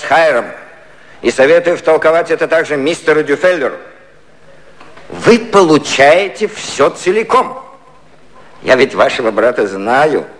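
A male actor with a mid-range voice plays a crafty, aging British prime minister in a satirical 1950s radio play. His lightly acted delivery is ironic, declamatory and coaxing.

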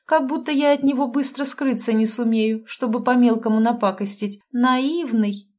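A woman's voice: on the high side, fairly even intonation, normal speed, darkish tone, pitched above the performer's own voice, natural voice. A woman reading an audiobook, voicing a young mother who complains in the plaintive voice of a village gossip. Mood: complaining. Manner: whiny, complaining.

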